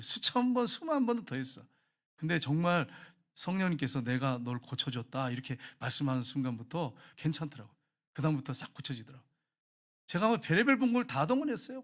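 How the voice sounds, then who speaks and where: A man's voice: on the high side, a bit bright. Emphatic male pastor preaching. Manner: emphatic, exhorting, rising to stress points. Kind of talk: sermon.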